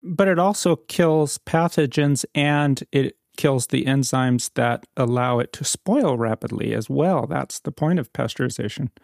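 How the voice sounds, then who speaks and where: A man co-hosting a casual talk show who argues his points in a measured way and builds analogies. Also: mid-range voice, creaky, a little mellow, no room sound, studio quality. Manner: measured, argumentative, uses analogies. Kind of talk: casual chat.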